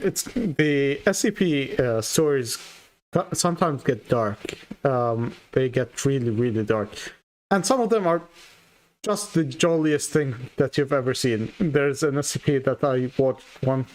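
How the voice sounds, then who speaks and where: A male streamer talks casually to his live audience in a mid-pitched voice. He rambles in a halting way and often circles back to repeat his words. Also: a little mellow. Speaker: streamer reacting to videos.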